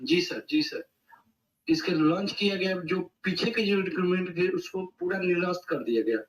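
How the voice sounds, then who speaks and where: A man calling in with an earnest grievance, repeating his points. His voice is a little high, heard from far off with a roomy echo around it. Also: normal speed. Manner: earnest, repetitive complaint. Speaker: caller. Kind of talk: call-in question. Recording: far-off echoey line.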